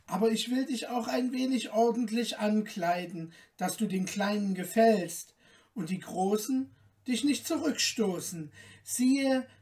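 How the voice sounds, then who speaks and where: A loving queen blesses her daughter in a calm, tender voice, as a male storyteller puts her on. She speaks slowly and softly, a little away from the microphone. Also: high voice, recorded from a distance, voice pushed up. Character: gentle loving queen mother.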